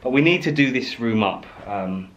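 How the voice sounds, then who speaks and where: A man's voice: mid-range voice, lively intonation, moderate pace, lo-fi sound, noisy background. A man giving a casual, chatty tour of his house, moving from room to room and joking as he goes. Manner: chatty, laid-back, jokey asides.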